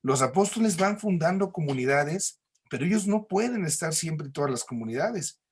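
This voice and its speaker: A man's voice: on the high side, animated, normal speed, slightly rough. A man with a Mexican accent teaching a recorded church class, explaining patiently with homely examples and frequent tag questions.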